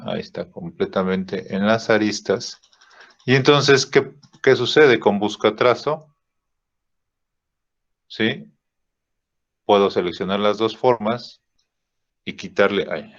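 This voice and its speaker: A man teaching a drawing software lesson, thinking aloud with fillers and checking in with "¿sí?" after each step. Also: lowish voice. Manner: slow, checks in with frequent "¿sí?" and "¿no?"; thinks aloud with "este" fillers while clicking. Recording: dull lo-fi recording.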